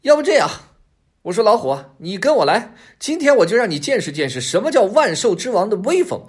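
A man voicing a sly, boastful male fox in a high, squeaky, cocky voice. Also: very animated, fairly quick, breathy edge, full character voice.

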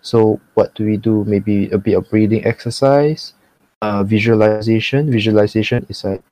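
Male, low voice, Malaysian accent. Casual podcast guest explaining things in slangy English with Malay mixed in, dry close sound. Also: normal speed, mellow, dry recording, poor audio. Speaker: podcast guest, mental performance coach for gamers.

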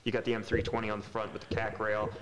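Man, casual chat, enthusiastic, laid-back, slightly low voice. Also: monotone, very fast, heavy background noise. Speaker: guest airsoft player.

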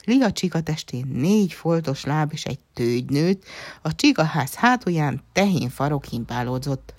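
Low-voiced woman narrating a children's tale, calm and even, dry close sound. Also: dry recording. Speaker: storyteller. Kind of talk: reading a children's story aloud.

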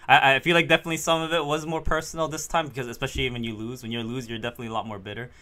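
A man's voice: medium pitch, little pitch movement, racing, bright, forceful tone. A man hosting a casual podcast, talking like a hyped frat bro with slang and lots of yo and bro. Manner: frat-bro slangy hype talk, peppered with yo and bro. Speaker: podcast host.

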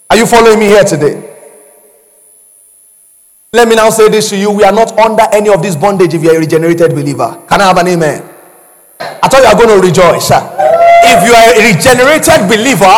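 Male pastor preaching loudly, high and animated, echoing in a big hall. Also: fast. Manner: preaching with call-and-response and frequent shouting. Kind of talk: sermon.

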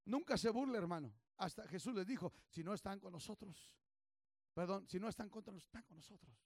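A male pastor preaching a fervent sermon, swinging from low murmurs to shouts, leading call-and-response and slipping into English phrases. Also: animated, quick pace, no echo. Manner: call-and-response, urging the congregation to repeat. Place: church service.

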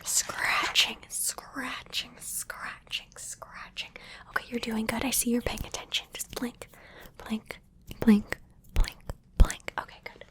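Softly whispering playful woman. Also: on the high side, flat delivery, slow pace. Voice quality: soft whisper. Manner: playful, coaxing, gives repeated gentle instructions. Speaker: ASMR creator. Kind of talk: whispered ASMR attention-test role-play.

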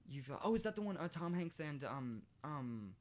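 A man's voice: a little high, big pitch swings, normal speed, darkish tone. Rambling man in casual chat. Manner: rambling, playful, many fillers and restarts.

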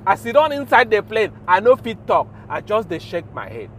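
A man from Nigeria with a Nigerian accent, hosting a show with an informal Pidgin rant in a halting, repetitive, emphatic manner. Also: high voice, huge pitch swings, a bit bright, slight background noise. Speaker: show host.

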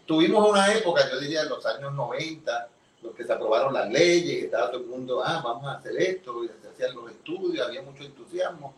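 A man's voice: medium pitch, animated, fast talker. Puerto Rican man explaining archaeology. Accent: Puerto Rican Spanish. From Puerto Rico. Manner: explanatory, lecturing tone. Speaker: archaeologist guest. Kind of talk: conversational interview. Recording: roomy, distant mic with faint noise.

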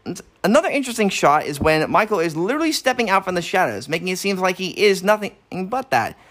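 Animated guy cohosting a podcast, kinda high voice, cusses a lot. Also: quick pace. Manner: animated, swears freely. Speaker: podcast co-host. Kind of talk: casual film recap chat.

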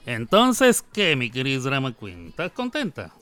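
Bright-voiced joking radio host man. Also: mid-range voice, huge pitch swings, measured pace, soft background music. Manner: teasing, jokey, laughs often. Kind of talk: playful radio banter.

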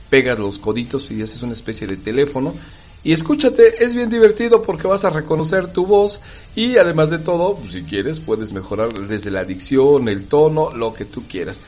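A man's voice: mid-range voice, darkish tone. A man, hosting a casual talk aimed straight at the listener. He asks rhetorical questions and acts out little dialogues.

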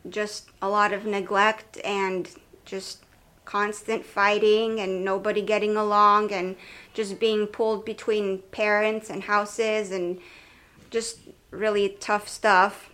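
A woman's voice: mid-range voice, flat delivery, slow, a bit bright. A young woman from Romania, a podcast guest sharing her life story in a casual, conversational way, with many fillers and self-corrections. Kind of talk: casual personal testimony.

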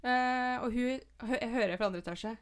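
A woman's voice: fairly high pitch, clear, resonant tone. A middle-aged woman in casual chat, animatedly retelling a frightening event with many restarts. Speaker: storyteller in conversation.

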